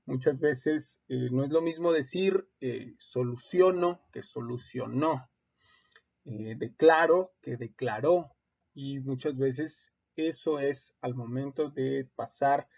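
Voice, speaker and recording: A man's voice: mid-range voice, takes it slowly, gravelly, few pauses, warm tone. A man giving a recorded lesson on legal writing, explaining steadily with frequent "eh" fillers. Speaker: instructor. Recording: dull lo-fi recording.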